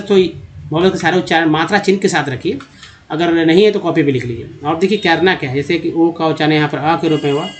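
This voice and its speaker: A man teaching English reading, explaining slides step by step, repeating example words and addressing viewers as friends. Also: fairly high pitch.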